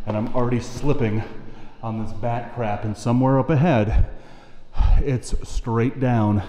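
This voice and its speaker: A man's voice: lowish voice, warm tone, slight background noise. A man in his forties hosting a wildlife adventure vlog, speaking emphatically and informally to viewers. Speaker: wildlife adventure show host. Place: inside a rocky cave. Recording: echoey cave, music behind.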